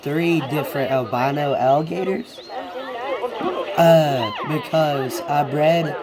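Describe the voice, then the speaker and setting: Speaking slowly in a fairly high, steady voice, a congested gamer with a cold rambles hesitantly through a casual tour of a video game. Crowd noise can be heard around him.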